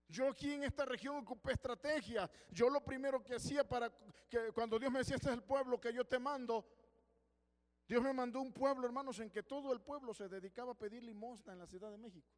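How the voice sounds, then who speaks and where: A man with a Mexican Spanish accent preaching as a pastor, emphatic, moving between loud preaching and hushed storytelling. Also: very high voice. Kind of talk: sermon with personal stories. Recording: long hall reverb.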